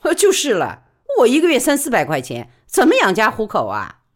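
Woman playing a stubborn working-class woman, Wuhan dialect, quick and bright, lively pitch. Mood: determined.

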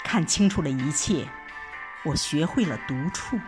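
A woman with a slightly low voice narrates an audio drama in the first person, very slowly and reflectively. She uses deliberate pauses and broad, expressive shifts in intonation, with music playing in the background.

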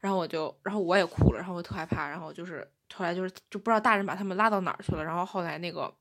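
A woman's voice: fairly low pitch, rapid-fire, a bit bright. A woman co-hosting a casual chat, rambling through a childhood memory with many restarts. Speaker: podcast co-host. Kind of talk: casual storytelling.

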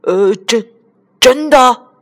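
A woman voicing a big male lion who speaks hesitantly and slowly. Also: mid-range voice, very animated, slightly rough, exaggerated voice. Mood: wary. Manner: hesitant, drawn-out. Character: big roaring lion, male, grand then scared.

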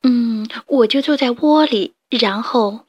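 A woman voicing a gentle, contented mother hen in a storybook. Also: fairly high pitch, slow pace, lo-fi sound, a little hiss or hum.

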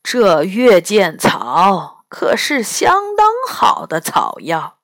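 Storybook elder: woman doing a slow, boastful, stingy old man, lower and drawn out. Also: wildly swooping pitch, fairly bright tone, dry recording, studio quality, heavily acted. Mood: proud.

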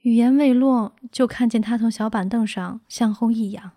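A woman reading her memoir aloud in a calm, subdued, reflective way. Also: on the high side, normal speed, dry recording, clean studio sound. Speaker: narrator.

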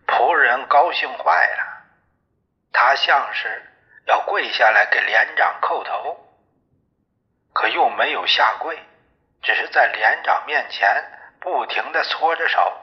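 A man narrating a novel in the first person, in a measured storytelling manner. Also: medium pitch, animated, dull audio. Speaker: audiobook narrator.

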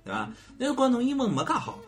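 A man's voice: very high-pitched, quick pace. A man with a Shanghainese accent hosting a podcast, chatting and telling stories in a joking way. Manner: lively, joking storyteller. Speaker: podcast host. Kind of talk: casual chat.

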